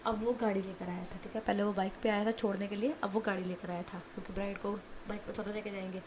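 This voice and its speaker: A woman's voice: medium pitch, little pitch movement, fast talker, background noise. A woman narrating a love story in a casual, chatty way with asides to listeners.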